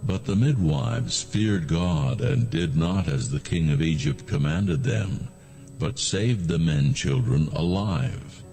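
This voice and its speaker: Male scripture narrator, heavy vocal fry, slow and solemn, with expressive rises and falls. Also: deep voice, faint music behind. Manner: measured, solemn storytelling.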